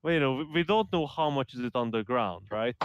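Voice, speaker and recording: A man playing a tabletop game over voice chat, chatty and quick with casual swearing. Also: medium pitch, lively intonation, smooth, no room sound, lo-fi sound. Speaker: player. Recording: faint background noise.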